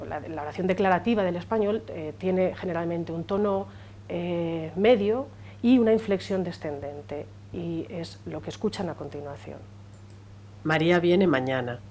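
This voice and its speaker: Female lecturer, mid-pitched, hesitant with fillers, faint hum behind. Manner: hesitant, many fillers, drops quieter at phrase ends. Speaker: university lecturer. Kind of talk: unscripted lecture.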